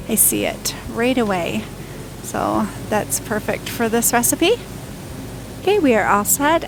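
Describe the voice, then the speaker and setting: A woman's voice: on the high side, slight background noise, low-quality recording. A woman narrating a casual shopping and cooking vlog in a chatty, upbeat way, thinking aloud as she goes. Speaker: home cook and shopping vlogger.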